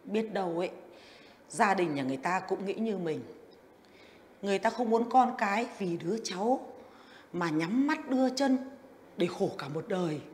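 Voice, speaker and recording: A woman's voice: mid-range voice, a little mellow, a little hiss or hum, close to an everyday voice. An actress playing a practical older wife, who coaxes her husband and speaks firmly. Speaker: grandmother in a TV drama. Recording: reverberant set.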